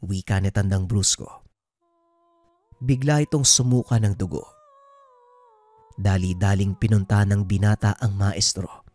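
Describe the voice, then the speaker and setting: A man narrating a true horror story in a steady, scripted way. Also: lowish voice, measured pace, long pauses, dry recording.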